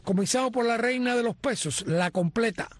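A man's voice: very high-pitched, moderate pace, no echo. A man reading a prepared boxing report as a sports commentator. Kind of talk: sports news segment.

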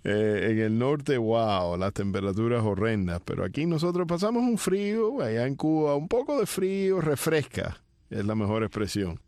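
A man's voice: medium pitch, very animated, moderate pace, a little mellow, no room sound, clean studio sound. A man with a Cuban Caribbean Spanish accent hosting a music radio show in a casual, colloquial way. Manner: informal, colloquial. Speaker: radio host.

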